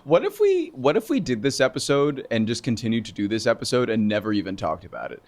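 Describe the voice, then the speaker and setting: A man's voice: on the low side, fast talker. A man from Long Island co-hosting a casual podcast, playful and teasing as he riffs on jokes. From Long Island, New York. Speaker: podcast co-host.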